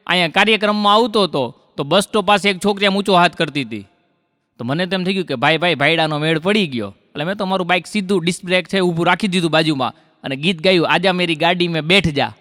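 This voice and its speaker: On stage, a male stand-up comedian performs Gujarati folk comedy, first reciting rhymed couplets rhythmically and then rattling off jokes to a live audience, whose laughter is heard. His voice sits high with a sharp tone, captured by a dry close mic with hall reverb.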